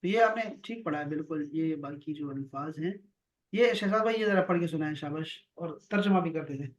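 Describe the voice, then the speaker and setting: A man teaching an online Arabic class over a video call, patient and repeating words for drill. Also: fairly high pitch. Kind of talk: online grammar lesson.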